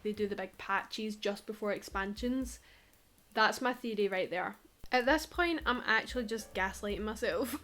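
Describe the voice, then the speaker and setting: Scottish woman vlogger, chatty and rambling, voice sits a bit high. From Scotland. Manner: chatty, rambling, laughs often. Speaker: Sims YouTuber. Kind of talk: casual gameplay commentary.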